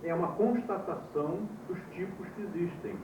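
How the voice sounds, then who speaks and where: A man with a Brazilian Portuguese accent teaching a class, slowly spelling out terms, heard from an old VHS tape recording. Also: sits high. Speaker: yoga teacher. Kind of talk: classroom lecture. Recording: hissy old VHS tape, echoey room, far mic.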